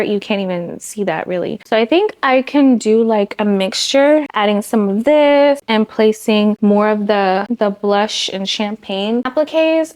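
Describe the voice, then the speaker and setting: A woman's voice: mid-range voice, a little mellow. A young woman talking casually in a sewing vlog, chatty and rambling, tired and a little out of breath. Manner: chatty and rambling, lots of "like" and "so yeah". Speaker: sewing vlogger.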